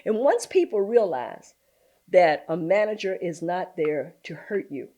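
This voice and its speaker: Older woman, community activist guest, animated storyteller, wide-ranging pitch, folksy asides. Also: measured pace. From southern Virginia, US. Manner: animated storyteller who slips into folksy Southern talk and laughs often. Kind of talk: storytelling in a conversational interview.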